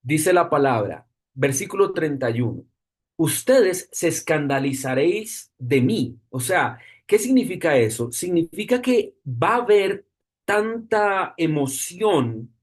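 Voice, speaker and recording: A man preaching a sermon in an animated way, slowing down for emphasis and acting out the people he quotes. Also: fairly high pitch, breathy edge. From Colombia. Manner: animated, acts out quotes with dramatic slow emphasis.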